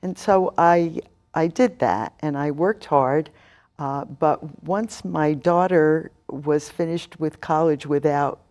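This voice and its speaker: A woman's voice: deep voice, slow pace, a little mellow. An older woman from New York City, a novelist guest answering interview questions in a reflective, earnest way.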